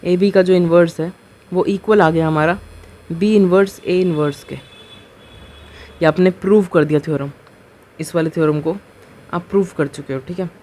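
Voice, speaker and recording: The voice sits high with fairly even intonation and a darkish tone. This maths teacher explains a proof in a board lecture step by step, slowing on key terms while repeatedly asking rhetorical questions and checking students follow.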